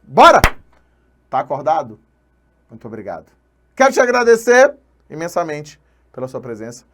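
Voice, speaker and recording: A man with a Brazilian accent teaching an online exam-prep lesson, energetic and slangy, counting syllables aloud. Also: fairly high pitch, normal speed. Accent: Brazilian Portuguese.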